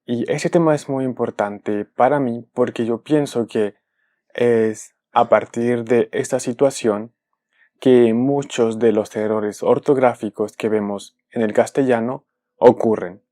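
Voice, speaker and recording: A man, a native speaker, giving a careful explanatory video lesson, often pausing to rephrase himself. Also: mid-range voice, fairly even intonation, warm tone. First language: Spanish. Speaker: language teacher.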